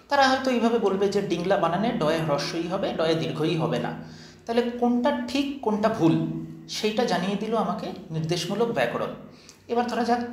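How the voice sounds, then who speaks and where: Man lecturing from slides, echoey room. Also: high voice. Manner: explanatory, poses questions then answers them. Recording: echoey room with faint noise.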